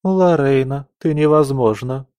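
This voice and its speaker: A man's voice: mid-range voice, a little slow, a little mellow, smooth, dry recording, voice pushed up, close to an everyday voice. A man voicing a noble mother who soothes her daughters but lays down the law firmly. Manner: soothing yet firm and commanding. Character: stern, fussy noble mother of two daughters.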